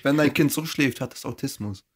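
A young man in casual chat, reading out facts haltingly and laughing. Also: medium pitch, breathy edge.

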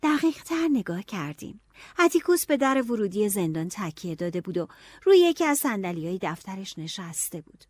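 A woman narrating an audiobook in a steady storytelling manner. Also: medium pitch, no echo, clean studio sound.

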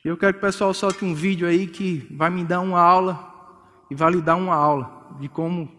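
A man, a pastor preaching a lively sermon to couples, joking and acting out quarrels. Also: high voice, moderate pace. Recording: long hall reverb.

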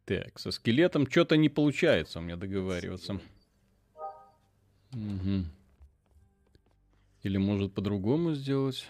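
A man's voice: lowish voice, lively intonation, normal speed, pauses often, darkish tone, no room sound, faint music behind. A man in his forties playing a game on stream, muttering to himself and making dry remarks. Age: 40s. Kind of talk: casual gaming stream chat.

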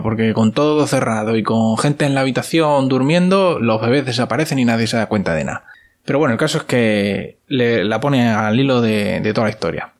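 A man with a Spain Spanish accent, chattily recapping a series episode with crude slang and asides. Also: medium pitch. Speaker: series reviewer.

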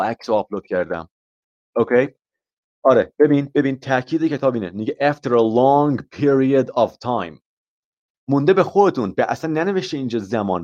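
This live online English lesson features a man with a medium-pitched, darkish voice recorded in lo-fi quality. Teaching IELTS, he works through examples patiently and switches between Persian and English.

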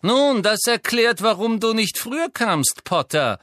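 A man voicing a cold, sneering aristocratic wizard villain with a slow, menacing drawl in an audiobook reading. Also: high-pitched, sing-song, sharp tone, dry recording, studio quality, voice pushed up, heavily acted.

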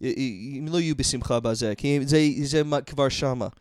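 A man's voice: mid-range voice, clean tone, no room sound, studio quality. A man in his chats casually, searching for words and often repeating himself as he goes. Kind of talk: casual conversation.

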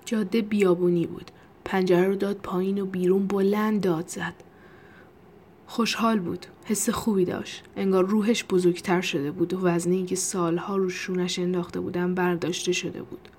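A woman reading a novel aloud in a calm, storytelling manner with soft breathy asides. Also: fairly low pitch, slight background noise. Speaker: audiobook narrator.

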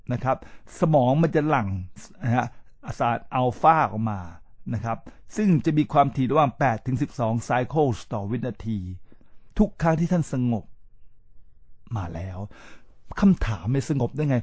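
An older man hosting a spoken commentary on a book, animated and exclaiming, often speaking straight to his listeners. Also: a little high, no echo. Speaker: host.

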